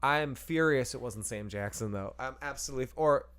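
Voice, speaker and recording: Casual podcast co-host, male, rambling and profane, mid-pitched, laughs a lot. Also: fairly quick, fairly bright tone, smooth. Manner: rambling, profane, laughs often, acts out silly voices. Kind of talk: casual movie review chat.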